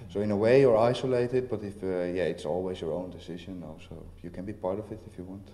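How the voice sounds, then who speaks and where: A man with a low, dark voice, a visiting artist, speaks hesitantly at a festival talk venue during a casual panel, often restarting and filling pauses. Faint noise sits in the roomy hall's sound.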